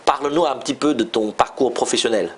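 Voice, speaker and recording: A man hosting an interview, asking brisk and playful quick-fire questions. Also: mid-range voice, slight background noise. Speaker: interviewer, show host.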